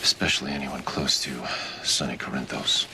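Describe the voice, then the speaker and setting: A man's voice: extremely low pitch, level tone, moderate pace. An actor playing a cautious, scheming man in a television drama, speaking in a guarded, wary way. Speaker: scheming businessman. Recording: noisy TV soap audio.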